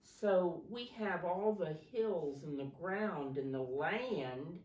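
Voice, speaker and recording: A preschool teacher with a low, darkish voice reads a picture book aloud to small children at storytime. She's animated, with expressive pitch swings, and takes it slowly, explaining things simply and asking the listeners questions. The recording is roomy and echoey, set back from the mic.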